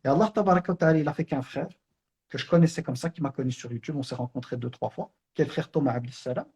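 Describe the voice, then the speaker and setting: A man's voice: medium pitch, quick pace, darkish tone, husky. A middle-aged man from Brussels, sharing an earnest personal spiritual reminder in a conversational storytelling way, full of fillers. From Belgium, Brussels. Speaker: online Islamic teacher.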